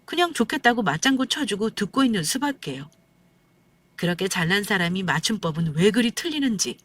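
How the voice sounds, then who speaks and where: A woman telling a first-person story in a calm, even, slightly aggrieved way. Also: medium pitch, a little fast.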